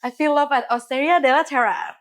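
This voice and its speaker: A woman's voice: high voice, fast talker. A woman with an American Valley Girl accent hosting casually in a bubbly, girly, playful sorority-girl manner. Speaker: host. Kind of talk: casual on-camera chat. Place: restaurant kitchen. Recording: music behind the voice.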